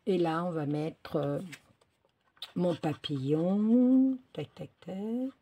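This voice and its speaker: A woman's voice: on the low side, extremely slow, dark tone, a little hiss or hum. A woman from France hosting a casual card-making tutorial at home, rambling with many fillers and restarts as she talks to herself while she works. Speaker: crafting video host. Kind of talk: casual crafting tutorial chat. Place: home, indoors. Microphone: phone or camera filming her work table.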